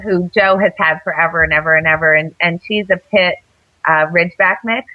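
This woman speaks low with fairly even intonation and a brisk pace, over a dry, phone-quality line. A guest on a radio interview program, she rambles through casual anecdotes full of fillers and false starts.

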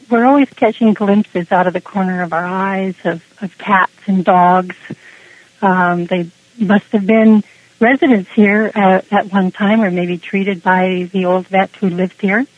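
Woman, casual storytelling guest, medium pitch, dull lo-fi radio sound, dry. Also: dry recording. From Canada. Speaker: interview guest.

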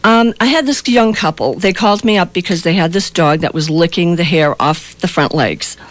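A woman's voice: fairly low pitch, normal speed. A woman guest on a radio show, an animal communicator telling an emotional story in an emphatic, earnest way.

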